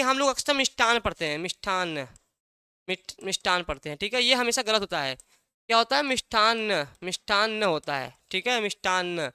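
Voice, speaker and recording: In an exam-prep language lesson, a teacher poses a question and then answers it, hammering the key words over and over. The voice sits at medium pitch, bright and forceful yet smooth, captured in a clean studio with no room sound.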